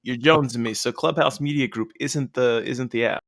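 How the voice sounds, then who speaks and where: A man chatting casually on a live stream, speaking quietly and casually. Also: mid-range voice, brisk, gravelly, no echo, studio quality.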